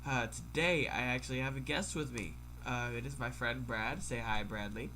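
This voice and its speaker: A man's voice: mid-range voice, moderate pace, bright, forceful tone, slight background noise. A man with a congested, stuffy nose, under the weather, hosting a casual, chatty podcast. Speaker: podcast host.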